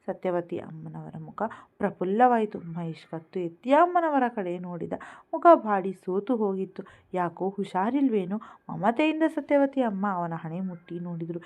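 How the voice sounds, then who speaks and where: A woman reading a moral story aloud as a storyteller, steady and emotional. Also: mid-range voice, normal speed. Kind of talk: scripted story narration.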